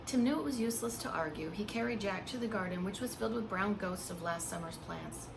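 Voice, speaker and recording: Reading a children's picture book fairly quickly, a woman preschool teacher with a medium-pitched voice speaks expressively and drops into hushed emphasis now and then. She addresses young listeners simply, with chatty asides, explanations, and questions, over clear background noise.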